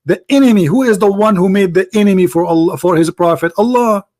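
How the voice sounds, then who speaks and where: Hosting a heated live debate, this non-native English speaker is insistent, repeating his points, cutting in and talking over the other side. He has a high, darkish voice and talks fast.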